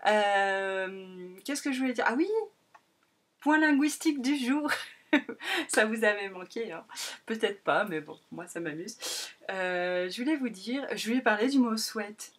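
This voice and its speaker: A woman's voice: on the low side, a bit bright, slightly rough. A woman in her thirties from France hosting a casual solo podcast, rambling with many hesitations and laughing at herself. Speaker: podcast host.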